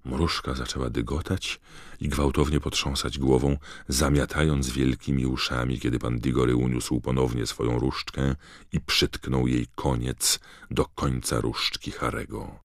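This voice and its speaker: A man reading a fantasy novel aloud as narrator, measured and even. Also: extremely low pitch, dry recording, clean studio sound. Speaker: audiobook narrator. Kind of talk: scripted narration.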